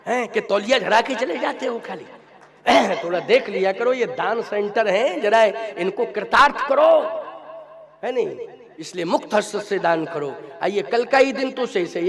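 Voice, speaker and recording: A man giving a devotional sermon to a large audience, exhorting with rhetorical questions and sudden shouts. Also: high voice. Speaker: spiritual preacher. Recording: crowd noise behind. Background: crowd.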